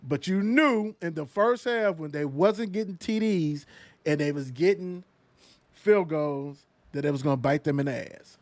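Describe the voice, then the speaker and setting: A man hosting a casual sports talk show, riffing in animated, slangy banter with plenty of fillers. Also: on the high side, no room sound.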